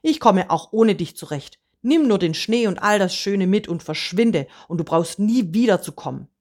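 A woman reading a storybook aloud and voicing an upset village boy who shouts in anger and whispers bitterly. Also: low voice, normal speed. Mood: furious.

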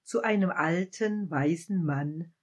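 A woman gently reading a short fable aloud and closing with a warm blessing to her listeners. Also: on the low side, breathy edge. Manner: gentle, unhurried, pastoral. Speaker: devotional storyteller.

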